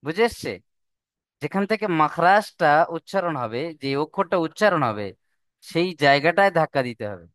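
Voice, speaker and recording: A man's voice: a little high, very animated, moderate pace, fairly bright tone, smooth, no room sound, studio quality. A man teaching Quran reading rules step by step, stretching out the example words in a sung recitation. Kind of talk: slow step-by-step lesson.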